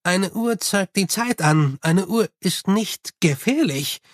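A man's voice: high-pitched, lively intonation, slow, dry recording, pitched above the performer's own voice. A man voicing a nervous young male clockmaker in an audiobook, hesitant and earnest with a dry close sound.

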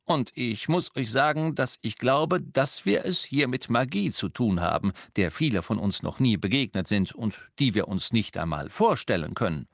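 A man's voice: medium pitch, animated, normal speed, gravelly, hardly any pauses, no echo, studio quality. A man reading an audiobook and voicing a weary, guarded middle-aged male werewolf teacher who talks in a tense, insistent way. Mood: earnest, insistent.

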